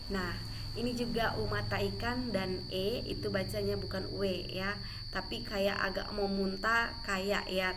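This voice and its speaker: A woman's voice: mid-range voice, noisy background. A woman teaching Mandarin pronunciation in a classroom style, stretching out model syllables and checking in with "ya". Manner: slow, drawn-out model syllables with frequent "ya" check-ins.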